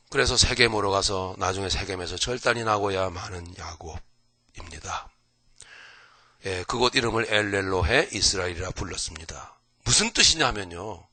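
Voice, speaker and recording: In a dry recording, a male pastor delivers an early morning Bible lecture with a folksy, animated style. His low voice moves unhurriedly with frequent pauses, swinging from loud outbursts to whispers while he keeps asking listeners "right?"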